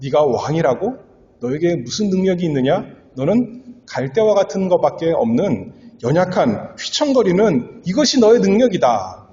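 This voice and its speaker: A man's voice: a little high, sing-song, moderate pace, dark tone. A man voicing a scornful Roman soldier who taunts a prisoner with contemptuous questions, in a sermon retelling. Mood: mocking. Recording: echoey hall, dull lo-fi sound.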